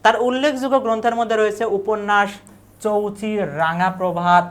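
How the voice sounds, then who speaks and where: A woman's voice: medium pitch, brisk. A woman teacher, giving an exam-prep lecture. She asks questions and then answers them herself, and she repeats key words and lists.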